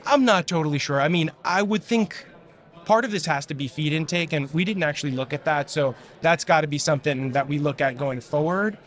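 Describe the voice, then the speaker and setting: A graduate student in his twenties answers interview questions about his research. He speaks in a fairly high voice at a fairly quick pace, staying relaxed and technical, with fillers and restarts along the way.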